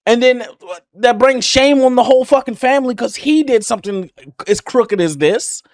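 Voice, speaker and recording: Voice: medium pitch, normal speed, no room sound, studio quality. A reaction video host ranting angrily with heavy profanity while commenting on a clip. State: livid.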